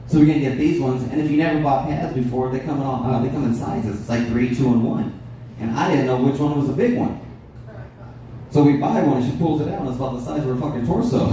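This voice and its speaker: A man's voice: mid-range voice, warm tone, slight background noise. A man in his thirties doing a stand-up comedy set on a club stage, brash and profane, bantering with the audience. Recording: echoey club room, distant, crowd laughter.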